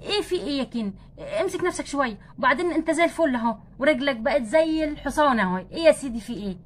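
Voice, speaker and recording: A woman as a brisk, caring wife doll, very fast. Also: high voice, animated, slight background noise. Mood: scolding. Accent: Egyptian Arabic. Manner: coaxing, bossy but tender. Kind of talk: doll play acting.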